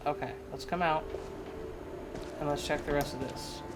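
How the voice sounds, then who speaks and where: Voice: medium pitch, steady tone, moderate pace, heavy background noise. A gameplay commentator, chatting casually and reacting aloud while playing. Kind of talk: casual let's play commentary. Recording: loud game music behind. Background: game audio and music.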